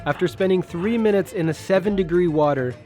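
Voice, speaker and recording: Higher-voiced man narrating over faint music. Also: fairly quick, warm tone. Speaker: narrator and participant. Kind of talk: scripted vlog narration.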